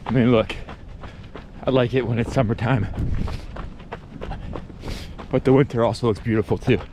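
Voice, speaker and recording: A man's voice: mid-range voice, fairly even intonation, normal speed. A man chatting casually to his vlog while he is out on a run. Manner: talking while out running. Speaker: vlogger. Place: outdoors on a running route. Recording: clear outdoor street and traffic noise.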